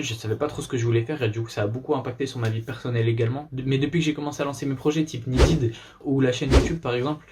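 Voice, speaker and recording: A young man with a light northern French accent talks quickly and casually, answering fan questions in a relaxed, slangy vlog style. His voice sits at a middle pitch, with faint music playing behind him. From northern France. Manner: chatty, slangy, laid-back. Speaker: YouTuber.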